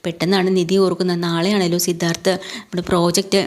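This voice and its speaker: A woman's voice: on the low side, little pitch movement, fast, a little mellow. A woman casually retelling a serial episode in a chatty way, often tagging her sentences with little check-ins to the listener. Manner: chatty retelling with frequent tag questions. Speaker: serial recap narrator.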